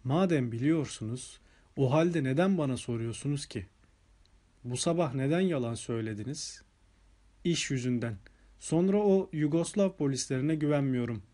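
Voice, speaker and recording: A hot-tempered, burly Italian chauffeur, voiced by a man reading aloud protests and raises his voice. The tone sits a little high but stays warm and mellow. He talks in excited bursts. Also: close to an everyday voice.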